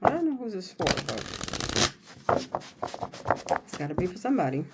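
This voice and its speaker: A woman host chatting casually and rambling through a tarot card reading, folksy and jokey, often pausing and repeating herself. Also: lowish voice, sing-song. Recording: clear background noise, card shuffling and clicks.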